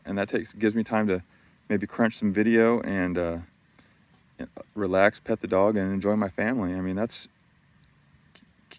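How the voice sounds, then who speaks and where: Low-voiced man rambling on a forest trail. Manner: rambling, chatty, self-deprecating. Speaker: hiking vlogger. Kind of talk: casual vlog talk to camera. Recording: outdoor noise in the background. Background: outdoor noise.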